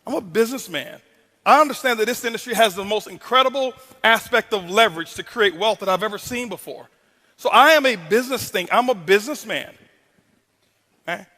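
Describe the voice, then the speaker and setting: A man giving a motivational talk on stage, animated and teasing the audience with call-and-response questions, in a large hall. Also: high-pitched, a little fast. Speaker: motivational speaker.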